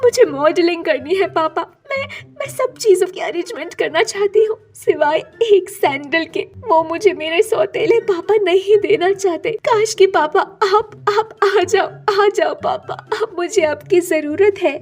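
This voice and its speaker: A woman's voice: high-pitched, normal speed, darkish tone, close to an everyday voice. A woman playing an emotional young college girl. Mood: tearful. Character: young woman college student, tearful but hopeful.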